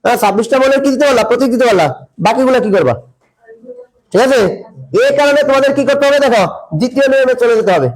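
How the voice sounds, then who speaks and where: A man's voice: very high-pitched, rapid-fire, rough recording. A male teacher giving a chemistry lesson in casual Bengali. He asks his students questions, answers them himself and repeats the key points. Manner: colloquial, dialect-tinged Bengali.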